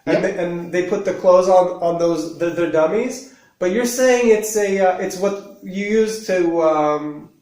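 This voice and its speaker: A man's voice: high voice, measured pace, a little mellow, roomy sound, rough recording. A man hosting a casual chat as an English teacher, curious and asking follow-up questions. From United States. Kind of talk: casual conversation.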